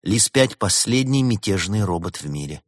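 A man voicing a secretive, amused male adventurer in a storybook reading, in a lightly raised, lively voice. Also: on the low side, moderate pace, dry recording, clean studio sound. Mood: amused, explaining.

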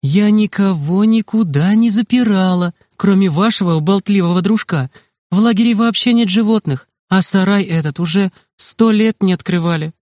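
A man's voice: high-pitched, level tone, a little fast, few pauses, darkish tone, no room sound, studio quality, pitched above the performer's own voice, natural voice. A man reading aloud voices a female camp nurse who scolds the boys and then explains things patiently.

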